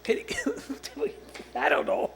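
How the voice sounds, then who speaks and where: A man's voice: extremely high pitch, wildly swooping pitch, slow pace, fairly bright tone. A man hosting a show in casual studio banter, rambling and stammering as he tells stories.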